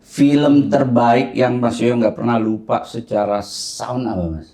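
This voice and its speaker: A man's voice: mid-range voice, fairly even intonation, unhurried, dark tone. A man from Indonesia hosting a podcast, chatting casually and teasing his guest playfully. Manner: teasing, playful, laughs often. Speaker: podcast host. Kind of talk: casual interview chat.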